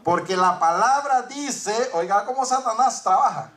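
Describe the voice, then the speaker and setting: A man's voice: sits high, animated, measured pace, a bit bright. A man preaching a sermon, telling a workplace story and acting out the dialogue, rising to emphatic peaks. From northern United States.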